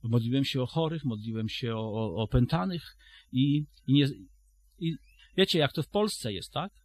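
A man's voice: medium pitch, normal speed, a little mellow, no room sound. A man preaching a sermon to a congregation, retelling a story and then addressing his listeners directly, often restarting his phrases.

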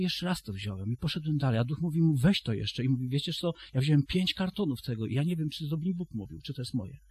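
Husky-voiced man preaching a sermon. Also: medium pitch, darkish tone. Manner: storytelling with frequent restarts, addresses congregation directly.

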